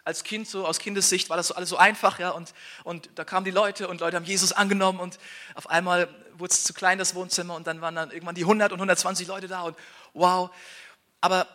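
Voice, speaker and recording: A man's voice: high voice, bright, forceful tone. A man preaching a sermon as a pastor, earnest and conversational, often checking in with his listeners and repeating words as he restarts. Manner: earnest, tag questions like "ja?". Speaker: pastor and church planter.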